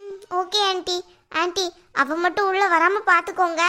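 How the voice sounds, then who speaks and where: A woman's voice: very high-pitched, fairly even intonation, normal speed, pushed and bright. A young woman acting in a family drama, speaking in a tearful, pleading way. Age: young adult. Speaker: scheming young wife-to-be in a home drama. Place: indoors at home.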